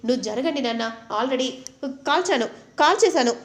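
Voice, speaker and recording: A controlling young husband who coaxes one moment and snaps orders the next, read by a woman in her own voice. The voice sits fairly high and the room gives it a noticeable echo. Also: brisk, natural voice. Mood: menacing. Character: young husband, controlling and cruel, feigns care.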